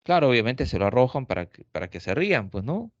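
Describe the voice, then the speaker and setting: A man's voice: mid-range voice, big pitch swings, fast, no echo. A man, a literature teacher retelling a story in a chatty lecture, often tagging his sentences with questions. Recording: dull lo-fi dry recording.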